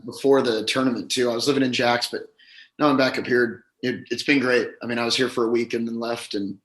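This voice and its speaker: Male, voice a little gone, hoarse, casual interview chat, pro golfer guest, echoey room. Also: mid-range voice, level tone, a little fast, a bit bright. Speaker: professional golfer, podcast guest.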